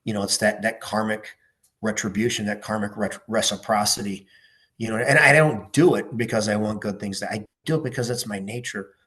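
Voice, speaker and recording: A man's voice: lowish voice, a little fast, a bit bright. Profane, rambling man on a podcast. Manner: profane, rambling storyteller with many fillers. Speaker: podcast guest. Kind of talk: casual podcast chat.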